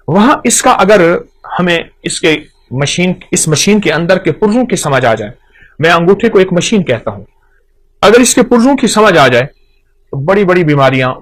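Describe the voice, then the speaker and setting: A man explains home remedies in an earnest, teaching tone. He speaks at a fairly high pitch and often repeats a phrase to drive the point home.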